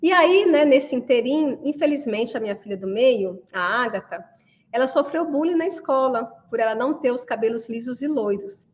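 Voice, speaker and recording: A Brazilian woman, a course creator, gives a chatty, casual promotional class to parents, often asking listeners to agree with her. Her voice is on the high side and animated, at a moderate pace.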